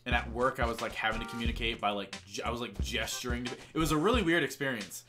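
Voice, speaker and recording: Loud music plays behind a young man chatting casually as he streams a game. He talks around a tongue piercing, at a middling pitch. He rambles in a self-deprecating way and often trips over his words. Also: fast. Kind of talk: casual chat while playing a game.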